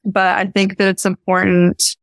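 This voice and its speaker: As a guest on a podcast, a young Appalachian woman who works as a professor and research scientist responds to questions earnestly and informally. Her medium-pitched voice is completely flat, delivered at normal speed without room sound.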